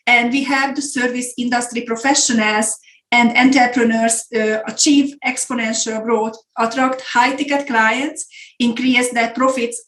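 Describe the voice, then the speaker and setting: A middle-aged Hungarian business coach with a Hungarian accent presents an online business masterclass earnestly, repeating words for emphasis. Her voice sits on the high side and is a bit bright, in an echoey room.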